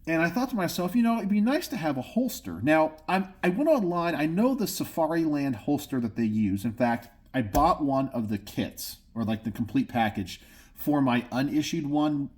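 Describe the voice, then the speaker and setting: A man's voice: a little high, lively intonation, moderate pace, darkish tone. An American man hosting a video channel, giving opinionated commentary to his viewers in an emphatic way, often repeating phrases for effect. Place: garage.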